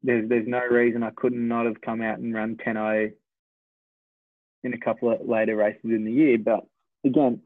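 A man's voice: mid-range voice, level tone, no room sound. Sprinter in his twenties on a tinny line. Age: 20s. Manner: reflective, measured, self-correcting. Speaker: sprinter, interview guest. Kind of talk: casual interview talk. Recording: dry, tinny phone-like line.

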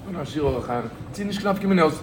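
A man's voice: fairly high pitch, animated, very fast. A man giving an informal rabbi's talk to a group, emphatic, repeating his key phrases and rising into bursts of emphasis. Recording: echoey room with loud background noise.

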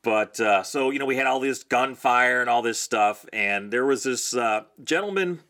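A man's voice: mid-range voice, normal speed, sharp tone. A man co-hosting a podcast on indie filmmaking, telling stories from his early shoots in a blunt, ranting, casual way.

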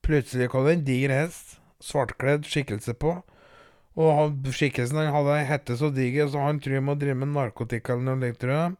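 A man voicing a loud, crude country woman who rambles, swears and boasts. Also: medium pitch, fairly even intonation, smooth, dry recording, clean studio sound, lightly acted. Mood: gossiping.

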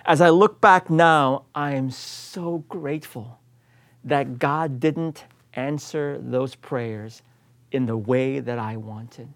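A pastor from the United States in his late forties preaches a sermon in a mid-range voice at a slow pace. He's earnest and emphatic, returning again and again to repeated refrains.

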